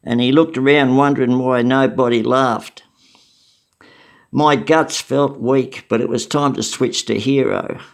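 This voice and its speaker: Older Aussie male storyteller, gravelly voice, wry and matter-of-fact. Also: mid-range voice, steady tone, unhurried. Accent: Australian. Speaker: storyteller recounting memories. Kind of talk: casual spoken memoir.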